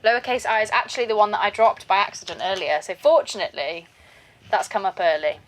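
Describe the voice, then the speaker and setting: A woman's voice: mid-range voice, lively intonation, quick pace, poor audio. A woman co-hosting a puzzle game playthrough, chatting casually with playful, teasing quips.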